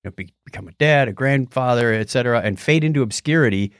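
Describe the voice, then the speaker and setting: Fast and clear, with a resonant mid-range voice, an American man co-hosts a podcast, moving from a scripted intro into casual chat. He keeps things jokey and lighthearted, recorded in a clean studio without echo.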